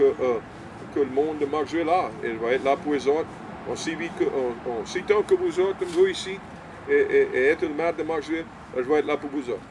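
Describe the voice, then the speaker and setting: An older man speaks with a Cajun French accent in a casual interview. His delivery is halting and repetitive, with English words dropped in. A faint layer of vehicle noise sits behind his voice. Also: a little high. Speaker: small-town mayor being interviewed.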